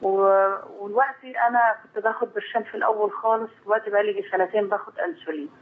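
Rapid Egyptian woman caller on phone. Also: medium pitch. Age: 40s. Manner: rambling, repeats herself, worried. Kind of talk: call-in phone conversation. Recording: tinny phone line.

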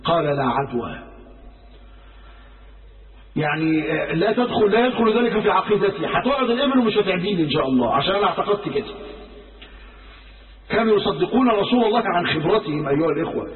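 A man with an Egyptian Arabic accent preaching a sermon, telling stories in a lively way and acting out the quoted speech. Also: sits high, quick pace, pauses often. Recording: roomy hall from far off, phone-like sound.

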